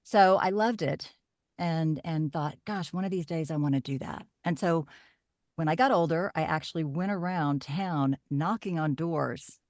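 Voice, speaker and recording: A middle-aged woman from Oklahoma, a voiceover artist telling her story in a casual podcast chat, lively with animated asides. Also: sits low, moderate pace, dry recording, studio quality.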